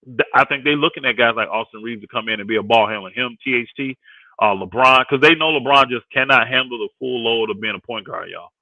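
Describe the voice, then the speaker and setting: On a live panel, a man of fifty serves as guest co-host and sports commentator, speaking fast in a mid-range voice. His talk is casual and insistent, driving points home through repetition, and the recording is dry with a thin, phone-like quality.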